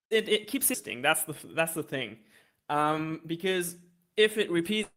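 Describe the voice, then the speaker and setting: Guy on a call giving song tips, bright kinda high voice, relaxed, keeps restarting. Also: clear, resonant tone. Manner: easygoing, restarts often, gives practical tips. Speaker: music reviewer. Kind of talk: casual review chat on a live stream. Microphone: online call.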